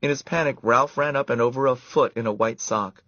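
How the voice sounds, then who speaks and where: A man reading a children's story aloud in an expressive, animated way. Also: mid-range voice, brisk, no echo. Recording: dull lo-fi dry recording.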